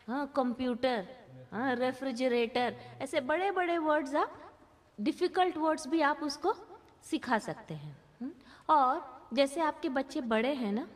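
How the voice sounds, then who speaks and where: A woman with a high voice teaches parents in a spoken lesson. She checks in with her listeners after nearly every phrase. Her voice rings with a long hall reverb. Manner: keeps checking in with 'haan?' and 'hmm?'. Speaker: parenting workshop speaker.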